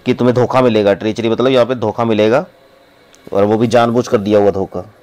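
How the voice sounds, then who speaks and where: A man, teaching by reading a story aloud slowly and explaining it in quick, casual asides. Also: on the low side, fairly even intonation, a little mellow, poor audio.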